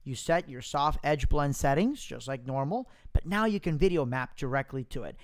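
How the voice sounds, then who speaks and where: A man presenting a software demo in a casual live tutorial, informally thinking aloud into a close mic with popping plosives. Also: medium pitch, expressive, normal speed. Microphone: close mic without pop filter, popping plosives.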